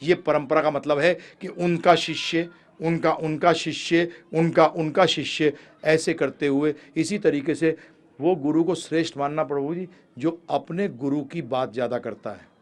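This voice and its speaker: A man giving a devotional lecture on scripture, emphatic, with rhetorical questions and repeated phrases, often jumping up in pitch and loudness to stress a point. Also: steady tone, measured pace. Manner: uses rhetorical questions and repetition. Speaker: spiritual lecturer.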